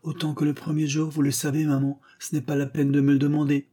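A man reading aloud, voicing a young farm heiress who speaks softly but firmly. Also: a little high, completely flat delivery, fast talker, pitched above the performer's own voice, lightly acted. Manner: soft-spoken, firm.

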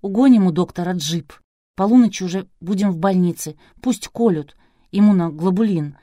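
A woman's voice: fairly low pitch, level tone, moderate pace, dry recording, close to an everyday voice. Reader as a keen young woman, pushy and hopeful, dry. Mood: eager. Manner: eager, hushed. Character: eager young woman, pleading.

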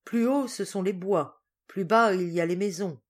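A woman's voice: mid-range voice, normal speed, lightly acted. A woman doing a brusque old spinster sister. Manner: brusque, commanding. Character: stern, forceful elderly spinster sister.

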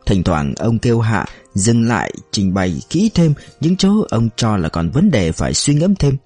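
A man narrates a novel in a steady, scripted reading, his mellow, slightly rough voice moving expressively in pitch. Soft music plays underneath, and there's no echo.

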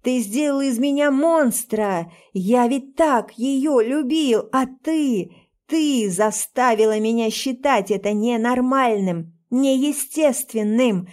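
Obsessive, violent young man from an audiobook thriller, voiced by a woman reading the book. He rages and hurls accusations in drawn-out, heavy phrases, and the voice stays fairly high for a man. Then he drops into a slow, creepily tender murmur. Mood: raging. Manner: shouting accusations, then soft and menacing.

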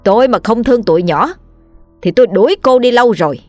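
A woman's voice: medium pitch, animated, a little fast, dry recording, faint music behind, close to an everyday voice. Lady doing a mean old mother-in-law, bossy and scornful, voice jumps all around. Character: cruel scolding mother-in-law, older woman.

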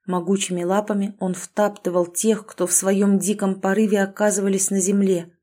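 A woman reading a dark fantasy story aloud in the first person, with an expressive, intense delivery. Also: medium pitch, moderate pace. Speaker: audiobook narrator.

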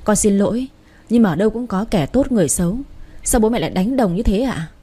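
A woman's voice: mid-range voice, animated, fast talker, mellow, husky. A woman voicing a hurt young city-born wife who pleads politely with her in-laws. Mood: hurt pleading.

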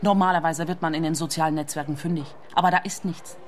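An actress playing an earnest, insistent client seeking a detective's help in a radio drama. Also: female voice, deep voice, fairly even intonation, quick pace, slight background noise, natural voice.

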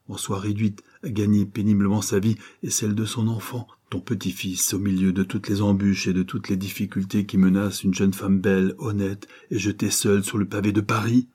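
A man's voice: fairly low pitch, darkish tone, breathy edge. A man voicing a stern, wrathful older former convict who accuses in a thundering way, read as an audiobook. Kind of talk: audiobook reading.

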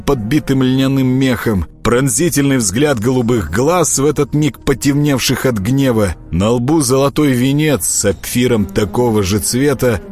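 A man reading a dark fantasy audiobook in an expressive, dramatic way. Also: medium pitch. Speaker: audiobook narrator.

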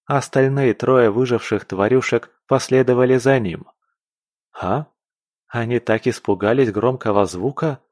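A man narrating a fantasy audiobook in a steady, even storytelling manner. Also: medium pitch, moderate pace, no echo, studio quality. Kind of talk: scripted narration.

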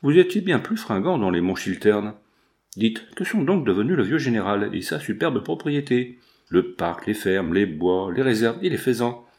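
A man voicing a brutal, sneering renegade bandit in an audiobook, gruff and gloating, his voice dropping lower. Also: animated, moderate pace, a little mellow. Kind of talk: audiobook character voice.

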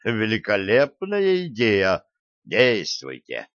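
A man's voice: fairly low pitch, huge pitch swings, slow, a bit bright, no room sound, muffled recording, full character voice. A man voicing Grenville, a suspicious, blunt male partner in a shady deal. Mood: wary blunt.

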